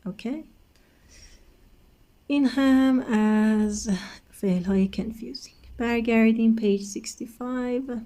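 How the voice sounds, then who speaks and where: A woman's voice: a little high, long pauses, mellow. A woman teacher explaining an English textbook lesson step by step, patiently addressing her students.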